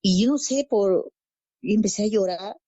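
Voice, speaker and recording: A woman's voice: medium pitch, moderate pace, mellow, dry recording, dull audio. A woman from Peru telling her conversion testimony as a guest, storytelling and acting out quoted dialogue, repeating phrases. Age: adult parent. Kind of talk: personal faith testimony.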